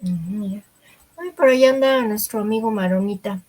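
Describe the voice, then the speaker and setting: A woman hosting a live stream in casual chat, softly agreeing and reading out viewer comments. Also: medium pitch, normal speed, low-quality recording. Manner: soft, agreeable, frequent affirmations.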